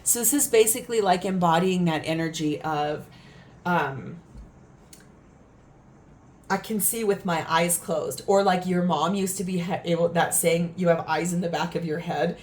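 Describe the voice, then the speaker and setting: A woman giving a tarot reading in a gentle, earnest, reflective way, with frequent fillers. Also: fairly low pitch, normal speed. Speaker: tarot reader.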